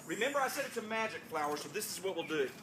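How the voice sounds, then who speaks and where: Racing along in an expressive mid-range voice, a kids' show host works the room like a party magician, coaxing call-and-response from the audience and feigning clownish surprise. The live recording is noisy, with a loud crowd of children and ambient sound behind him.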